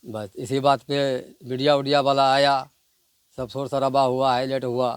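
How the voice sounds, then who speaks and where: Man, defensive and insistent, clear smooth voice, dry sound. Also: medium pitch, flat delivery, normal speed, no room sound. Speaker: interviewee.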